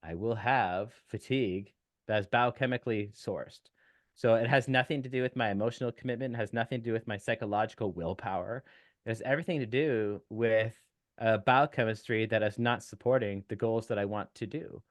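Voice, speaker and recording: A man's voice: on the low side, a little fast, no echo, studio quality. A man speaking as a guest nutrition expert in a casual podcast interview, explaining in a technical way with frequent fillers.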